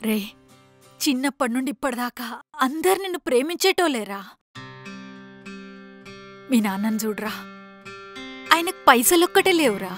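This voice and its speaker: A woman's voice: high-pitched, expressive, normal speed, pauses often, fairly bright tone, faint music behind. A worried scolding mother, Telangana accent. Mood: pleading. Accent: Telangana Telugu. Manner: emotional, scolding, pleading. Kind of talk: web series drama acting.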